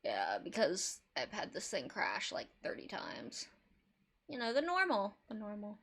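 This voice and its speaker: A woman's voice: mid-range voice, huge pitch swings, measured pace, a bit bright, husky. Chatty woman streamer with wry asides. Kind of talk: casual game commentary and reading aloud.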